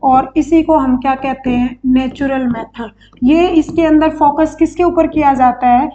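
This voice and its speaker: A woman teacher explaining an exam-prep lesson, asking questions and answering them herself, drawing out key words slowly. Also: high-pitched, fairly even intonation, warm tone, dull audio.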